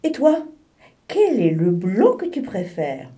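A woman doing a touchy, higher penguin. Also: huge pitch swings, takes it slowly, mellow, distant mic. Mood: stubborn. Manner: easily irritated, emphatic.

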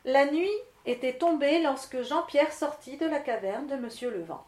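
A woman reads a fairy tale aloud in a steady, expressive storytelling voice. Her voice sits a little high, and the room lends it a noticeable echo. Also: normal speed. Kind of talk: storybook narration.

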